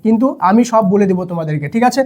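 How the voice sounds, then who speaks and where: A young man teaching students quick exam tricks as a math tutor. He keeps checking in with "okay?" and answers questions he voices for the students himself. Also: high voice, animated, darkish tone. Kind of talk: fast exam-tips lesson to students.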